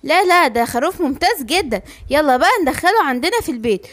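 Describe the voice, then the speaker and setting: A calm mother lioness from a children's cartoon, voiced by a woman, with an Egyptian accent. She speaks soothingly but briskly, her pitch moving a lot. The voice is high overall. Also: dry recording. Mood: reassuring. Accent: Egyptian Arabic. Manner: soothing, reassuring. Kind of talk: cartoon bedtime story voicing.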